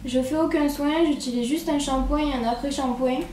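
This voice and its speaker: A young woman with a regional French accent and a slightly high voice talks viewers through a hair tutorial in a relaxed, chatty way. She sits some way back from the camera in an echoey room, with a faint hum of noise behind her. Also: normal speed, recorded from a distance. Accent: regional French accent with a marked "hein". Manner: chatty, relaxed, lots of "hop" and "voilà" while working. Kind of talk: casual how-to demonstration. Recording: echoey room, speaker away from the mic, faint background noise.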